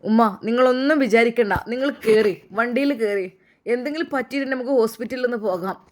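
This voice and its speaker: A woman's voice: fairly high pitch, brisk, darkish tone, close to an everyday voice. A woman voicing a devoted young man who earnestly insists on protecting and caring for an older woman. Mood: urging, grateful.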